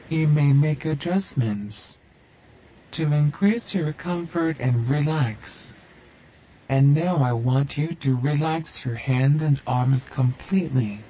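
A man guiding a listener through a hypnosis induction with slow, soothing, repetitive suggestions. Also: on the high side, warm tone, dull audio, a little hiss or hum.

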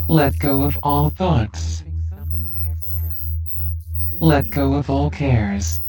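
A speaker guiding a hypnosis meditation with slow, soothing, repetitive instructions. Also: mid-range voice, mellow, recorded from a distance, poor audio.

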